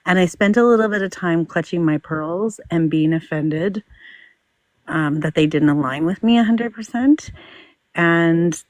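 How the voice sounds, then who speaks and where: A woman's voice: fairly low pitch, measured pace, no room sound. Female participant, reflective and earnest, casual personal storytelling, close dry recording. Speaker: discussion participant.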